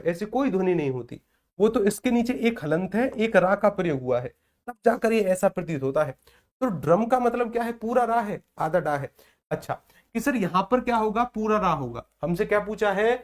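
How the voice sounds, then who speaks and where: Hindi-speaking man teaching a grammar lesson. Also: high voice. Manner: repetitive, checks in with listeners often. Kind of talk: explaining mock test answers in a lesson.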